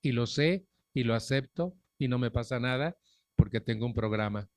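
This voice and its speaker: A man's voice: medium pitch, normal speed, no echo. A middle-aged man with a Mexican Spanish accent, giving a frank personal testimony at a recovery group meeting on a stand microphone, speaking bluntly with earthy profanity and direct questions to the audience.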